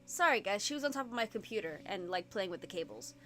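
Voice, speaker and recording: A woman from Puerto Rico hosts a casual reading-sprint live stream from her home computer. She talks fast and rambles, saying "like" a lot, in a medium-pitched, very animated and slightly bright voice. Faint music plays in the background.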